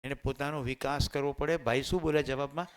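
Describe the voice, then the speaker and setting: A man's voice: medium pitch, steady tone, fast talker, slight background noise. A man with a Gujarati accent giving a motivational lecture to teachers. He asks the room questions and then answers them himself, and he mixes in Hindi and English terms. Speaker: teacher trainer.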